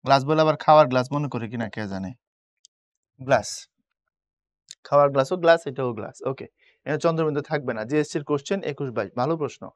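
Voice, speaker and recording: A man with a mid-range voice teaches a Bengali grammar lesson for admission test prep, speaking briskly with long pauses on a recording with no echo. He has a Bangladeshi accent, blends English words into his explanation, works through it step by step, and often asks "বুঝছো?" to check understanding.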